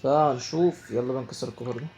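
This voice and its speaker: A man's voice: medium pitch, rapid-fire, a little mellow, slightly rough, faint music behind. A man with an Egyptian Arabic accent giving chatty let's play commentary, talking to himself and his viewers as he plays. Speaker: gaming YouTuber.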